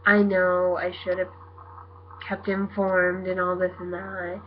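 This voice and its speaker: A woman in her twenties telling her viewers a personal story in a casual, animated way, acting out what people said. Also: fairly low pitch, slow pace, lo-fi sound, a little hiss or hum. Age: 20s. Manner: chatty, animated retelling with quoted dialogue. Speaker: vlogger.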